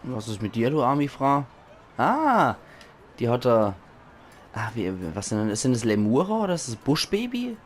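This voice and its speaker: Hoarse man with a Palatinate accent. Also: mid-range voice, very animated, moderate pace, slight background noise. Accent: Palatinate German. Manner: chatty, enthusiastic, laughs often. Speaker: let's play host. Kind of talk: casual gaming commentary.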